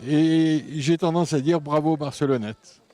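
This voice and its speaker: A man giving a measured interview statement outdoors, hesitating now and then with fillers. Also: fairly high pitch, fairly even intonation, a little mellow.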